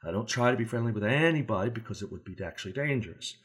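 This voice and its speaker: A man speaking as a safety trainer in a relaxed, conversational teaching talk, using everyday examples and briefly acting out voices. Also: mid-range voice, rapid-fire. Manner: acts out contrasting voices to make points.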